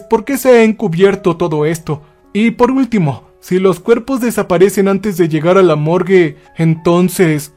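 High-voiced man narrating a horror story. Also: darkish tone. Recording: faint music behind. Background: faint music.

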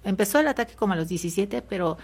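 This Mexican woman talks rapid-fire as an interview guest, telling a personal story in a hesitant way full of fillers and tag questions. Her medium-pitched voice is husky, a little mellow, and expressive, and her accent is Mexican Spanish.

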